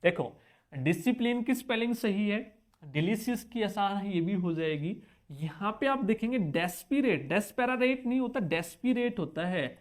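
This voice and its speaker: A man teaching a spelling lesson for exam preparation. He breaks words apart letter by letter and keeps checking in with his students through short questions. He repeats the tricky points and coughs now and then. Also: high voice. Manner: coaxing students with quick check-back questions.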